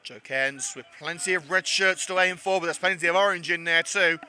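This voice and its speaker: A man's voice: fairly high pitch, steady tone, fairly quick, pushed and bright. A man giving chatty live commentary on a club football match, slightly out of breath. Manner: chatty, self-deprecating, with frequent fillers.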